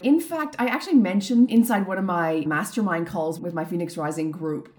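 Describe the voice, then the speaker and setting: Middle-aged woman coach, solo podcast host, slightly croaky from a throat infection, earnest and openly emotional. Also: fairly low pitch, fairly quick, a little mellow. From Canada. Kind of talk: reflective solo podcast monologue.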